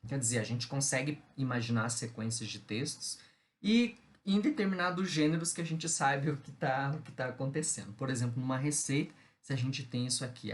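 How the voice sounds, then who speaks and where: Brazilian male lecturer explaining steadily. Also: mid-range voice. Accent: Brazilian Portuguese. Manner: explanatory, many fillers like "né" and "tá". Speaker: university lecturer. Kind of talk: recorded online lecture.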